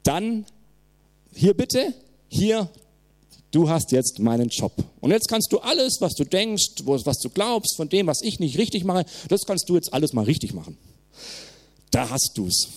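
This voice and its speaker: A man's voice: fairly high pitch, very animated, unhurried. A man voicing God as a challenging figure handing his job to a man, with an emphatic delivery.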